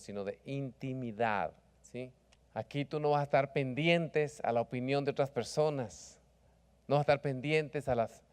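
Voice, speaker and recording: A man's voice: medium pitch, clean tone. A man preaching a sermon in a conversational way, often asking the congregation whether they follow and mixing in English words. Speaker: pastor. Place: church office.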